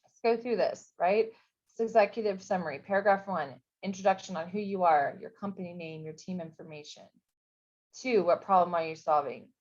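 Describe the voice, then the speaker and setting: A woman explains a program in a recorded info session, in a relaxed, conversational way. She often restarts her sentences and fills the gaps with ums. Her voice sits a little low, and the recording sounds dull and lo-fi. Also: brisk. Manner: casual, conversational, with many fillers and restarts. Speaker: program coordinator.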